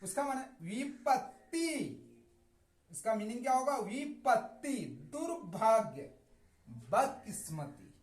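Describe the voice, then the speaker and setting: A male teacher giving a vocabulary lesson, spelling words letter by letter, asking questions and answering them himself, repeating each word slowly. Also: very high-pitched, lively intonation, roomy sound, poor audio. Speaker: English teacher.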